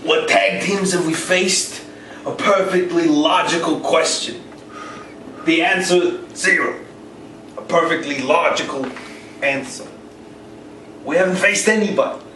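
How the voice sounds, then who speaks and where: A man's voice: on the high side, unhurried, pauses often, pushed and bright. A man playing a brash, crude, boastful pro wrestler in a comedic wrestling promo, mock-pompous, theatrical and foul-mouthed. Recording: echoey, distant mic with hiss.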